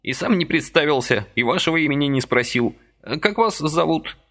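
A man voicing a fussy, excitable little old man in a high, animated, easily indignant voice for an audiobook. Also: normal speed. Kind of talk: audiobook character voice.

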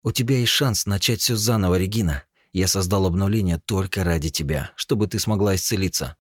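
A man's voice: low voice, brisk, dry recording, studio quality, pitched above the performer's own voice. A man voicing a guilt-ridden male scientist in an audiobook, who speaks hesitantly and pleads. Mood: pleading.

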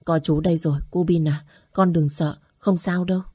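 A woman's voice: lowish voice, fairly even intonation, moderate pace, dark tone, husky, no room sound, studio quality. A woman reading a protective young uncle. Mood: soothing. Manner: defiant, protective.

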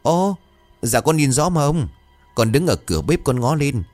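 A man's voice: medium pitch, big pitch swings, moderate pace, a little mellow, no echo, faint music behind, pitched above the performer's own voice, lightly acted. A man voicing a timid young male servant who stammers politely and sounds frightened. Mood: nervous.

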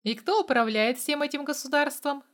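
A woman's voice: sits high, normal speed, a bit bright, pitched above the performer's own voice. A woman voicing a jealous, stubborn young man in an audiobook, speaking in an irritable, defiant way. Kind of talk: audiobook dialogue.

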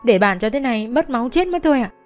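A woman's voice: mid-range voice, brisk, faint music behind, voice pushed up, close to an everyday voice. A woman voicing a young woman who cries and begs bystanders for help. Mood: pleading, tearful. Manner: tearful, begging, shouting.

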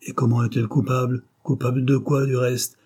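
A man reading aloud and voicing an insolent, hot-tempered young soldier who speaks with haughty indignation. His own low, husky voice is raised somewhat for the role. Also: flat delivery, brisk, mellow. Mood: indignant.

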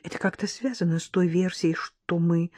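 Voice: mid-range voice, moderate pace, darkish tone, no echo, clean studio sound, natural voice. A reader doing a pushy, worried young nanny. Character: persistent young female nanny, worried and curious. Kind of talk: audiobook character voice.

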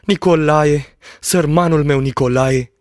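A man's voice: darkish tone, slightly rough, dry recording, clean studio sound. A man reading an audiobook, voicing a desperate young woman who cries out in anguish for her fiancé. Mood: anguished crying out. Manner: shrill, pleading cries.

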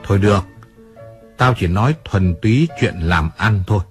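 A male audiobook narrator voicing Hagen, a weary, measured man who speaks calmly and curtly. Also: medium pitch, faint music behind, close to an everyday voice. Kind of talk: audiobook character reading.

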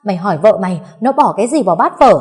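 A woman voicing a furious older mother-in-law who shouts and sobs accusations. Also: mid-range voice, animated, rapid-fire, husky, pitched above the performer's own voice.

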